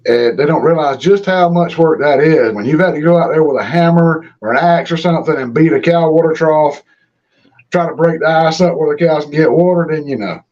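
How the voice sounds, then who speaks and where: Male host, relaxed folksy chat. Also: fairly high pitch, a little fast, dull audio. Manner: folksy, relaxed, laughs along. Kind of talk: casual chat.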